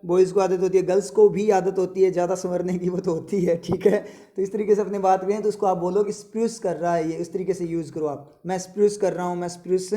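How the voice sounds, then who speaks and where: Guy teaching vocab, high but mellow voice, chatty, keeps quizzing you. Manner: chatty, quizzes viewers, repeats words slowly to explain. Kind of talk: casual spoken lesson.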